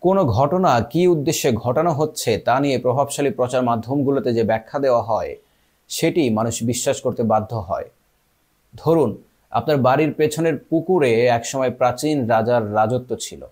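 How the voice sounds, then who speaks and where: A man delivers scripted narration analyzing a film, speaking to his viewers. His voice sits at an ordinary middle pitch with a darkish tone, and he talks at a normal speed.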